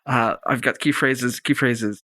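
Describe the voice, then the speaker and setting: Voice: medium pitch, fairly even intonation, a little slow, fairly bright tone, dry recording, studio quality. A tabletop role-play player in casual out-of-character chat, playful and often restarting words.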